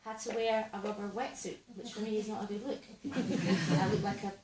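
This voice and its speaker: A woman performing a dry, deadpan stand-up set on a theatre stage, recorded in an echoey room. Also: mid-range voice, normal speed, very noisy. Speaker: stand-up comedian and host. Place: theatre stage before a live audience. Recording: echoey theatre, mic at a distance.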